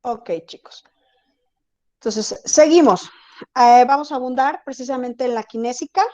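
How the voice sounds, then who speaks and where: Unhurried and warm, a high-pitched woman teaches her class online via video call. She talks in a conversational style and repeatedly asks if her students follow along.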